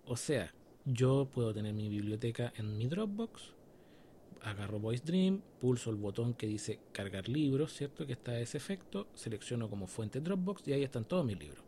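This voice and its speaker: A man's voice: medium pitch, very animated, normal speed, mellow, slight background noise. A Chilean man co-hosting a podcast in casual chat, explaining things step by step and checking in with his listeners. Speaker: podcast co-host.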